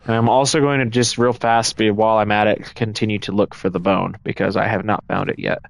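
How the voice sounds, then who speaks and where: A man's voice: on the low side, little pitch movement, a little fast, creaky, dry recording. A man streaming a ghost-hunting game live, casually thinking aloud and explaining his moves to the chat. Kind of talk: live gameplay commentary.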